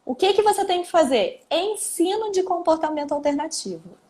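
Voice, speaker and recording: A woman with a high voice talks parents through how to handle a child's tantrums in a live question-and-answer session. She explains things step by step and now and then acts out short lines a parent or child might say. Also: animated, normal speed, mellow. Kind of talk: live Q&A talk.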